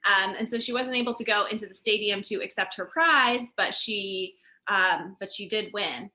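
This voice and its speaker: A woman's voice: mid-range voice, moderate pace. A woman author being interviewed, explaining her research in a conversational way with many fillers. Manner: animated, explanatory, with frequent fillers. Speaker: author and guest.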